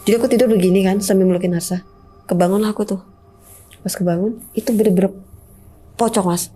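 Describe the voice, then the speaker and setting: A woman tells her own ghost story as a guest in a relaxed chat. Her tone is mellow and warm, and her pitch sits in the middle. She acts out each scene and drops to a hushed whisper when she quotes others. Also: fast, slightly rough, soft background music. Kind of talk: casual spoken storytelling.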